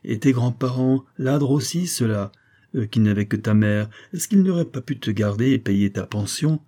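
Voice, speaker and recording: A man's voice: mid-range voice, lively intonation, normal speed, dark tone, natural voice. Storybook servant woman in her forties, doting and scolding, put on by a man reading. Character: warm fussy middle-aged female servant. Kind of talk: audiobook character voice.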